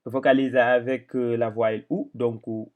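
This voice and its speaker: A man teaching Quran reading in a patient, step-by-step lesson, sounding out syllables one by one with frequent pauses and hesitations. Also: mid-range voice, level tone, narrow, tinny audio. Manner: patient, repeats syllables aloud slowly with many hesitations.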